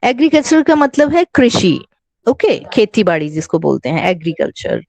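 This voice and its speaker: A woman's voice: medium pitch, sing-song, darkish tone. A woman with an Indian accent teaching an online English lesson to children, patiently mixing Hindi and English and spelling out words letter by letter. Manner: slow, patient, addresses children as beta. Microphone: online class microphone.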